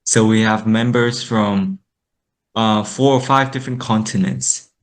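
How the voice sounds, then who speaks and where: A young man from Vietnam answers interview questions in a lowish voice. He speaks thoughtfully, pausing with small fillers as he works through his ideas. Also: fairly even intonation, poor audio. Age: young adult. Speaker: interview guest, student. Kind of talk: casual interview talk.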